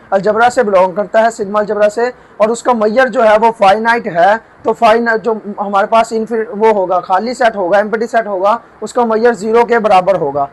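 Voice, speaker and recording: A man teaching math, walking through a proof and slowing down to dictate each formula term by term. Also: high-pitched, poor audio. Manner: often checks in with "theek hai". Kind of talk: lecture explaining a proof.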